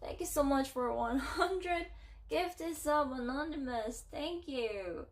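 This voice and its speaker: A woman's voice: sits high, animated, takes it slowly, background noise. A woman chatting casually on a livestream in a playful, girlish way, thanking her subscribers. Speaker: live streamer.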